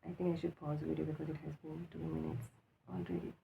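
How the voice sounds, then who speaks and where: A woman with an Indian accent giving a casual, halting, unscripted opinion monologue, repeating herself for emphasis, just awake with a swollen mouth. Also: low voice, level tone, creaky. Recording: tinny phone-like sound with faint noise.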